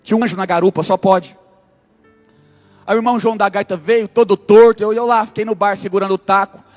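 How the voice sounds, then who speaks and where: A man's voice: high voice, fairly even intonation, a little fast, big-room sound, soft background music. A man telling his testimony as a sermon, acting out dialogue with humorous asides. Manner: dramatic storyteller, acts out dialogue, humorous asides. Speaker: preacher giving testimony.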